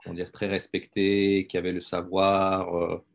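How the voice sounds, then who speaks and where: Speaking as a guest in a casual interview, a middle-aged French doctor who works in intensive care talks hesitantly, filling gaps and repeating words. His deep, creaky voice is monotone and unhurried.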